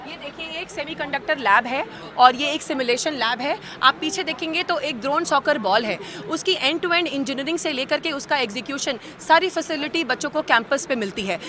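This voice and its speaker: A woman representing a university, explaining herself to reporters in a measured way, mixing in English terms. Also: high-pitched, a crowd in the background. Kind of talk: press statement to reporters.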